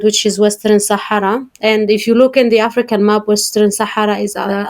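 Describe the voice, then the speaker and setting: A young woman who grew up in the Sahrawi refugee camps of southwest Algeria, speaking as an interview guest. Her voice sits at a middle pitch. She is thoughtful and pauses often, filling the gaps with "um" and "uh". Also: a little mellow. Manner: thoughtful, pauses with many fillers. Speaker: guest activist. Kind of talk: interview conversation.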